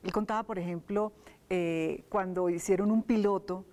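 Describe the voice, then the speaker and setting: A woman interviewer who asks measured questions and prompts her guest with short words of agreement. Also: mid-range voice, steady tone, mellow.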